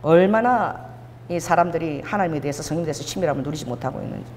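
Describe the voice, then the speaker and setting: A woman's voice: low-pitched, very fast, a little mellow, a little hiss or hum. A woman pastor preaching a sermon, telling stories animatedly, laughing often and acting out dialogue. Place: church sanctuary. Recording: reverberant church hall.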